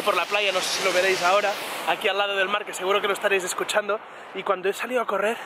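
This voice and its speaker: Man, 30s, high voice, chatty and foul-mouthed, talking to a handheld camera on a seaside run, faint street noise. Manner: animated, swearing, motivational rambling. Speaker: vlogger. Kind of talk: casual vlog monologue while out running. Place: outdoors by the sea at night. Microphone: camera held in hand while on the move.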